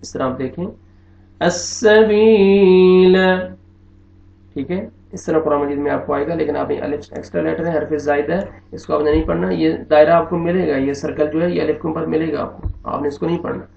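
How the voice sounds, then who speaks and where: A man with an Urdu accent teaches Quran reading, his voice slightly high and gravelly as he explains patiently and repeats each word slowly. The sound is dull and lo-fi, with echo from the room. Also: fairly even intonation, darkish tone. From Pakistan. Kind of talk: online recitation lesson.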